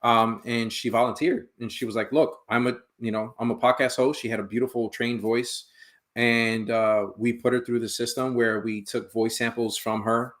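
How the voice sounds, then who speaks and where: Man guest in a casual interview, mid-pitched, lively storyteller who voices the people he quotes. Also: normal speed. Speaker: guest, founder of an AI project.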